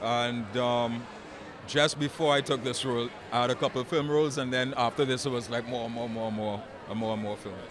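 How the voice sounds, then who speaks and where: A man, an actor talking in a relaxed, musing way at a red carpet interview. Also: mid-range voice, brisk. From Trinidad. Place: outdoor red carpet event. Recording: crowd chatter behind.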